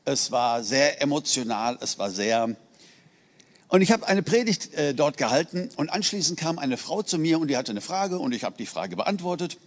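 A man's voice: fairly high pitch, expressive, moderate pace. A middle-aged man preaching a sermon in an earnest, conversational way, asking the congregation rhetorical questions. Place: church hall. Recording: reverberant hall.

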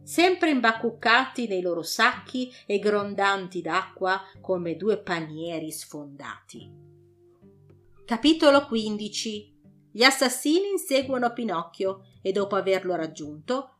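A woman narrating a classic storybook with an animated, dramatic reading. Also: medium pitch. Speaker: audiobook narrator.

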